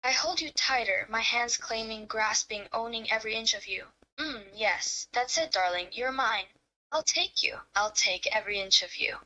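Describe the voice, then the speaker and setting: [name], a woman playing a bright-voiced possessive lover. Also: a little high, moderate pace, low-quality recording. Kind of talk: live-streamed romantic roleplay reading.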